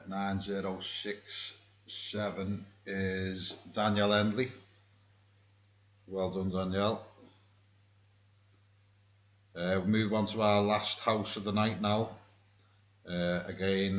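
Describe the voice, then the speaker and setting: A man's voice: deep voice, little pitch movement, slow. A man hosting a bingo night, casually announcing winners and the next game. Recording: roomy echo, faint background noise.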